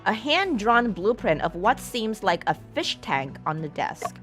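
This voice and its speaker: A woman streamer chats slowly through a story game, her pitch swinging widely as she reads on-screen text aloud. Now and then she swears out loud, and soft music plays behind her. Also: big pitch swings. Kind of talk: casual game commentary.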